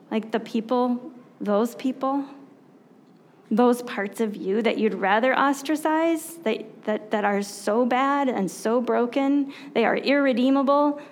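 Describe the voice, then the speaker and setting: A woman pastor giving a conversational sermon, reflective and unhurried, who often asks her listeners rhetorical questions and pauses with soft fillers. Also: fairly high pitch.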